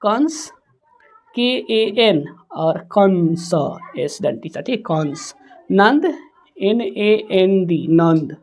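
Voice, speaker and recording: A woman gives a spelling lesson at a very slow, deliberate pace, spelling each word out one letter at a time. Her pitch sits in the middle range for a woman. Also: lively intonation, darkish tone. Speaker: teacher.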